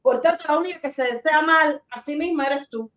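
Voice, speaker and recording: A woman hosting a talk show, giving animated, scolding commentary. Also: high voice, fairly quick. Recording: roomy, distant mic.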